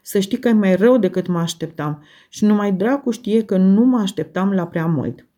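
A woman's voice: medium pitch, warm tone, close to an everyday voice. Woman doing a harsh scornful father. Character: harsh scornful man, father, mocking and cruel.

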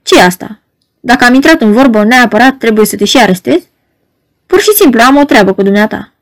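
A cold, mocking red-haired man , as a woman reader voices him, clipped and scornful in a fairly high voice. He speaks as a dry, curt stranger in an audiobook scene. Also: animated, lightly acted. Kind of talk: audiobook narration.

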